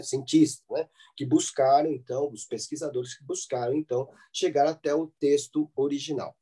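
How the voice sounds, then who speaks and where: A man's voice: a little high, mellow, breathy edge. A man with a Brazilian Portuguese accent teaching a church theology class, explaining step by step and often checking in with his listeners. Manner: explanatory, with frequent "né?" and "tá?" check-ins.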